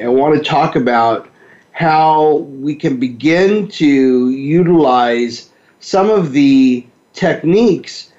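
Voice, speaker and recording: A man hosting a talk show, speaking in a measured, conversational explaining way with self-corrections, recorded in an echoey space. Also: fairly high pitch, a little mellow. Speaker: radio talk show host. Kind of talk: conversational monologue on behavioral therapy. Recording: echoey room, dull lo-fi sound.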